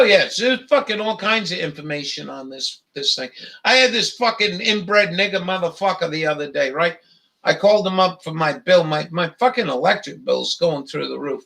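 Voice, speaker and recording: A man's voice: high-pitched, normal speed, vocal fry, pushed and bright. A man hosting a livestream, ranting in a heated, profane, rambling way with many fillers. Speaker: livestream host. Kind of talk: angry profane rant.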